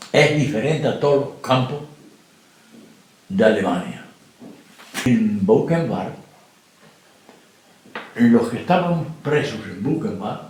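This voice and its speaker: A very old man from Spain, interviewed for a documentary, gives plain-spoken testimony and often checks that the listener understands. His medium-pitched voice is a little mellow, recorded in a very echoey room with slight background noise.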